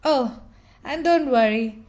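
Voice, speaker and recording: A woman reading a children's picture book aloud in a gentle, expressive storytelling manner. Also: high-pitched, slow pace.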